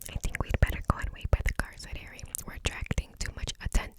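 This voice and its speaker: Whispering woman reading a book, ASMR style. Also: fast talker. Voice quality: tingly mouth sounds while whispering. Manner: whispering, barely audible, unvoiced.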